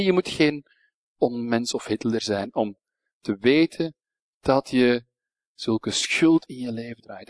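A man with a Flemish accent preaching a sermon, swinging between hushed, quiet passages and emphatic, raised lines. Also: mid-range voice, dry recording.

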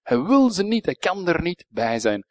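A man with a Flemish accent preaching a sermon, swinging between hushed, quiet passages and emphatic, raised lines. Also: a little high, sing-song, normal speed.

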